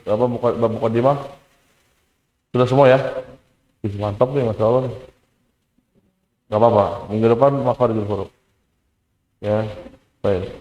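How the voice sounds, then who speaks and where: A man's voice: mid-range voice, dull audio. Man teaching tajwid in an echoey hall. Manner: joking, acts out market dialogues. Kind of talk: casual Quran recitation class. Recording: echoey hall with long reverb.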